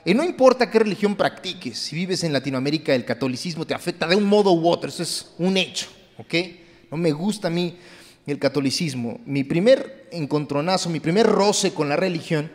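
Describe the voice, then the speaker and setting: Mexican guy doing standup, high voice, goes quiet then blows up loud, big reverby theater. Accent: Mexican Spanish. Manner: swings from low asides to loud mock outbursts. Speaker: stand-up comedian. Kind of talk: stand-up comedy set. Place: large theater stage. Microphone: handheld mic.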